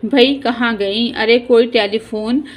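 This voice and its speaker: A woman's voice: on the high side, fairly even intonation, slow pace. A woman reading the part of an irritable, sick middle-aged husband who groans and complains.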